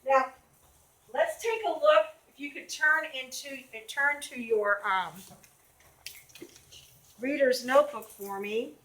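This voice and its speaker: A woman teacher with a Boston accent runs a classroom reading lesson, quizzing students by name. Her voice sits high and sounds bright and sharp. The room around her rings with echo. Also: slow, pauses often. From Boston area. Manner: questioning, calls on students by name. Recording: echoey classroom.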